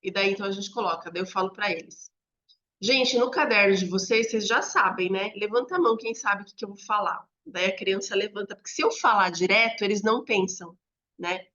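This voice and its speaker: A Brazilian woman in a mid-range voice coaches teachers on classroom practice. She explains in a conversational, step-by-step way and keeps checking in with a quick "né?". The recording sounds slightly muffled and lo-fi, as if made at home. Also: mid-range voice, bright, forceful tone. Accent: Brazilian Portuguese. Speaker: teacher trainer. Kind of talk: instructional talk to teachers. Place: home room near a street. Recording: slightly dull lo-fi audio.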